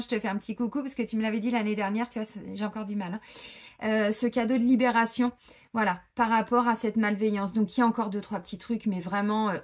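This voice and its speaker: A woman giving a casual spiritual card reading, chatty and informal, with many fillers and asides. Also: fairly high pitch. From France. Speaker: tarot card reader. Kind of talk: casual spiritual guidance talk.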